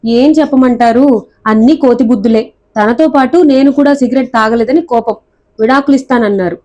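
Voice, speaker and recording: A woman doing a quick-witted young bride. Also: on the high side, muffled recording, close to an everyday voice. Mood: mock-tearful. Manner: sharp, scolding, theatrical pleading.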